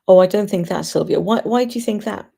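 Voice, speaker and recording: Husky, gravelly woman chatting on a livestream. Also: mid-range voice, fast talker, warm tone. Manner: informal, opinionated, thinking aloud. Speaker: livestream host. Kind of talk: casual chat to live commenters.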